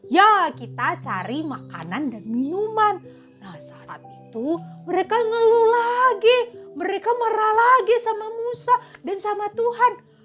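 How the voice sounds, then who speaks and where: A woman teaching Sunday school with a very high, bouncy voice. She tells the Bible story to children in big, animated swings, and soft music plays behind her. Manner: animated, exaggerated, addresses children directly.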